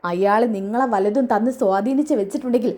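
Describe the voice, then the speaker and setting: A woman's voice: medium pitch, fast, dark tone, close to an everyday voice. Woman doing a scheming, suspicious mother. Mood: defiant. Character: scheming middle-aged mother, suspicious and sharp-tongued.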